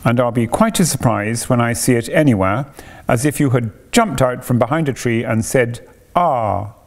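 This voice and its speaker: A man reading aloud and voicing a patient, gently dry cave-man father in a storybook. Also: medium pitch, lively intonation, moderate pace, close to an everyday voice. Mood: amused.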